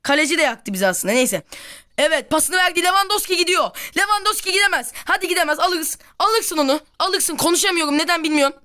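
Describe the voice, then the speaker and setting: Bright, excitable gaming commentator woman. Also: extremely high pitch, fast. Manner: excitable, shouts and groans at plays. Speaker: gaming video host. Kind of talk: live football video game commentary.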